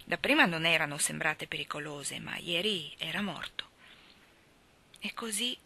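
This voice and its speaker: A woman reading a literary novel aloud, measured and expressive, who drops to a near-whisper at quiet moments. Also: low-pitched, vocal fry, slightly rough. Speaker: reader.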